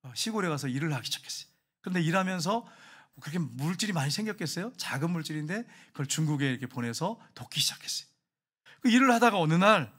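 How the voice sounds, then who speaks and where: A middle-aged male pastor delivers a sermon in a high, animated voice. His pitch swings widely as he tells his story and puts questions to the congregation. He builds to dramatic, emphatic peaks. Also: breathy edge. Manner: storytelling preacher who asks the congregation questions.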